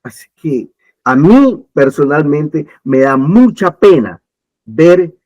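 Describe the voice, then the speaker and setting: A man from Ecuador speaks in a slightly high voice. He argues his views insistently, circling back and restarting as he pushes his point. The recording is dry and close, with no room sound. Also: sing-song, slow, darkish tone, no echo, muffled recording. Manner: emphatic, repeats points, many restarts. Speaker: political commentator. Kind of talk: opinionated talk-show discussion.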